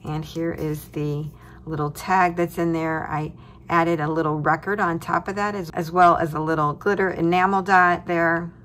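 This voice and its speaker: A woman's voice: lowish voice, fairly even intonation, moderate pace, fairly bright tone, a little hiss or hum. A woman hosting a craft tutorial, walking through her project at a tabletop desk with cheerful chuckles. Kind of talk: relaxed crafting walkthrough.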